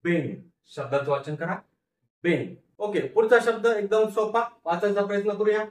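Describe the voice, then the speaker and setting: A male teacher with a Marathi accent giving a phonics reading lesson, drawing out syllables slowly and asking questions that he answers himself. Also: high-pitched, echoey room, distant mic. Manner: slow, drawn-out syllables, repeats and drills words.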